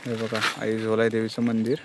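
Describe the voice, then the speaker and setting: A man's voice: on the low side, completely flat delivery, brisk, background noise. Man vlogging by a village lake. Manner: plain explanatory tour-guide talk, pointing things out. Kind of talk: casual walk-and-talk vlog.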